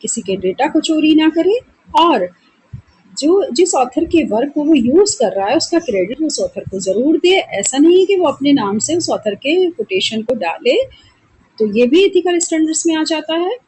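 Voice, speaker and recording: A woman teacher with an Indian English accent, reading exam questions slowly in English and then explaining them in Hindi. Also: sits high, lively intonation, darkish tone, rough recording.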